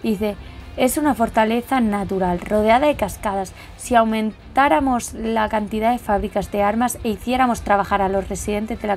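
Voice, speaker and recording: A young woman, reading a manga chapter aloud and reacting with excited exclamations. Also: on the high side. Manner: excitable, exclamatory, quick to gasp and laugh.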